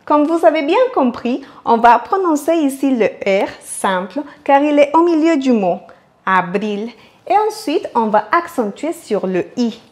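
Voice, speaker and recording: A woman giving a scripted language lesson, slowly sounding out words and repeating them for practice. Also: high-pitched. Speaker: Spanish teacher.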